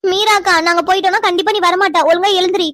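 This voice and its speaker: A woman's voice: extremely high pitch, fairly even intonation, fast, a bit bright, no echo. A woman voicing a cheerful, eager young village girl in a cartoon, chatty and sweet. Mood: coaxing. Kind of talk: cartoon voice acting.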